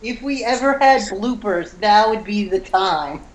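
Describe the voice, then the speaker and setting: A woman's voice: mid-range voice, animated, unhurried, crowd noise. A woman chatting casually, exclaiming and laughing at her friends. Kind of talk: casual chat. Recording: roomy echo with loud background noise.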